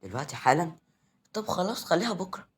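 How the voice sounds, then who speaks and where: رجل يؤدي شابة خجولة متوترة. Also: male voice, high voice, very animated, very fast, slightly rough, voice pushed up, full character voice. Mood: nervous. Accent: Egyptian. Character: shy young woman, nervous.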